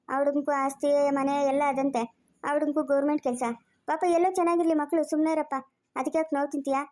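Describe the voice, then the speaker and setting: Cartoon aunt, woman voices, consoling, very high-pitched. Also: natural voice. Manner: consoling, scolding gently. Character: soothing older village woman, the child's aunt. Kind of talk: cartoon voice acting.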